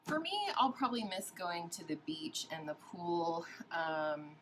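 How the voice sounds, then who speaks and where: A woman's voice: on the low side, expressive, measured pace, noisy background. A woman beauty vlogger chatting casually while doing a makeup tutorial and asking viewers questions.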